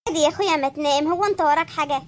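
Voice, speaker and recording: A high sped-up voice playing a jealous, nagging middle-aged wife and mother in a comic cartoon, with an Egyptian accent and a shrill, wailing manner. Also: very fast, close to an everyday voice. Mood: pleading. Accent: Egyptian Arabic.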